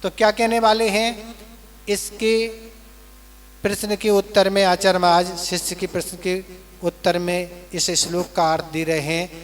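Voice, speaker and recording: A man teaching a verse class, who chants verse lines slowly and then patiently explains their meaning. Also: sits high, level tone, big-room sound. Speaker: Jain monk teaching scripture recitation. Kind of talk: slow scripture class.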